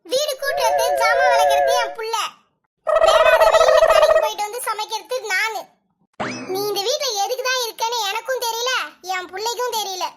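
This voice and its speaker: A woman voicing a shrill nagging mother-in-law. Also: very animated. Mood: scolding. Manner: nagging, mocking, rapid scolding. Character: shrill bossy old mother-in-law, scolding. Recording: loud background noise.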